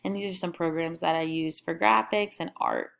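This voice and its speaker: Screen recording voice-over: young woman, low-ish, creaky, casual upbeat walkthrough. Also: fairly even intonation, moderate pace, fairly bright tone. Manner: casual, upbeat listing of items. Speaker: student presenting her class website.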